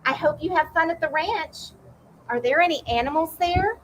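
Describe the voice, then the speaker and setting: Storybook teacher, kind and soft-spoken, read by a woman, bright high voice. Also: moderate pace, slight background noise, poor audio. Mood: gentle. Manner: gentle and reassuring.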